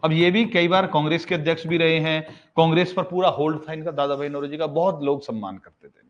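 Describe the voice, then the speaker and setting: A man's voice: a little high, a little fast. Male teacher drilling exam facts. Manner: asks questions and answers them himself, repeats key facts; casual, addresses students as bhai. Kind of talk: exam-prep history lesson. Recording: slightly dull lo-fi sound.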